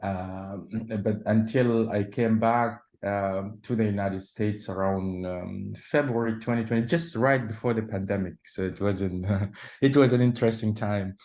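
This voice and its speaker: A man from Sudan, a journalist answering interview questions in a measured way, often pausing and restarting. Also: fairly low pitch, steady tone, a little mellow. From South Sudan / Sudan. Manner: measured, with frequent hesitations and restarts. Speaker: journalist guest.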